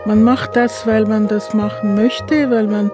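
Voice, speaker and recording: Calm woman narrator over music. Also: medium pitch, measured pace.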